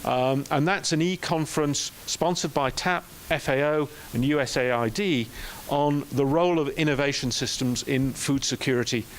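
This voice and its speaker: A man closes out a conference presentation in a measured way, filling his pauses with ums. His voice sits at a middle pitch, with a faint hiss behind him.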